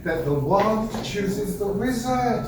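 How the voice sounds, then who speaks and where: A man performing as a ceremonious wandmaker in a theme park shop, speaking slowly and instructively. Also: sits high, lively intonation, background noise. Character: solemn old-world wandmaker, theatrical male. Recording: echoey room with loud music, from far. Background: loud music.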